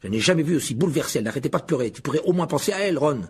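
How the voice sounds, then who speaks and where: A man with a gravelly voice reading a storybook, voicing a pompous, bossy teenage school prefect in a stern, scolding tone. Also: high voice, lively intonation, rapid-fire, voice pushed up, full character voice.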